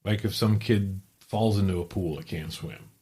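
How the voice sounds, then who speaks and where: Man, podcast co-host, very low voice, husky, relaxed and agreeable. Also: moderate pace. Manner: easygoing, agreeable, lots of back-channel replies. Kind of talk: casual chat.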